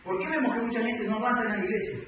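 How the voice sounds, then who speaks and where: In a large church hall, a man preaches a doctrinal sermon in a very high voice, rapid-fire, emphatic and peppered with rhetorical questions. The distant recording carries a strong echo and steady background noise.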